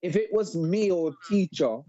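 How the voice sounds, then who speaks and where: Here a man with a high, dark voice and a moderate pace narrates a story in street slang, repeating words along the way. He's a panel guest in casual live-stream debate chat, and the audio is dull and lo-fi.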